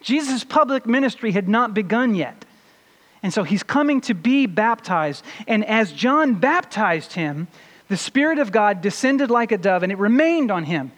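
A man with a notably high voice preaches a teaching sermon, asking questions of his listeners and then answering them. His words ring out with a long reverb from a large church sanctuary. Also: big pitch swings, moderate pace, a bit bright. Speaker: pastor.

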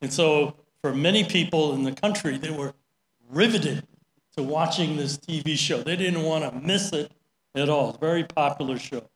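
A man's voice: fairly high pitch, moderate pace. A middle-aged man giving a sermon, telling a story in a chatty way with many "right?" asides. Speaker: preacher. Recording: roomy echo.

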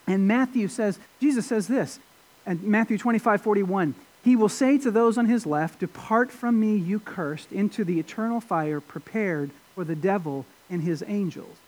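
A man preaching a sermon, emphatic, with rhetorical questions and sudden swings between loud and quiet. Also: sits high, normal speed. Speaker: pastor.

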